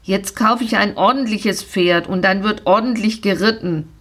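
A woman's voice: mid-range voice, moderate pace, fairly bright tone, natural voice. A woman reading a storybook, voicing a harsh, curt middle-aged father who gives orders. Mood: stern, harsh.

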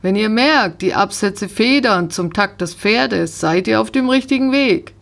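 A woman's voice: mid-range voice, lively intonation, unhurried, creaky, a bit bright. A woman reading a firm, friendly riding instructor. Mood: instructing. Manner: instructive, giving commands.

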